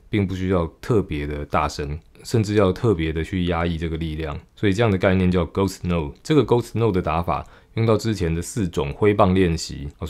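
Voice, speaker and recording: A deep-voiced drum teacher explains calmly and patiently, step by step, in an instructional talk. Faint drum music from a drum kit plays in the background.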